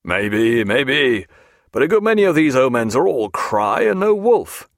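A man's voice: medium pitch, sing-song, unhurried, no room sound, clean studio sound. A man voicing a hearty, good-humoured naval captain in an audiobook, with bluff, old-fashioned, confident speech.

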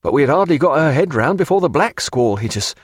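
Heard up close in a dry recording free of room sound, a male narrator gives voice to a brisk, earnest young naval officer from the days of sail. The officer sounds excited, pitched well up with lively swings and a slightly rough quality.

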